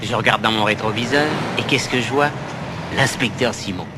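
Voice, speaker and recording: A man's voice: fairly low pitch, normal speed, close to an everyday voice. An actor playing a cocky, mocking tough guy who taunts others in a French film comedy. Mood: taunting. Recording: noisy film soundtrack.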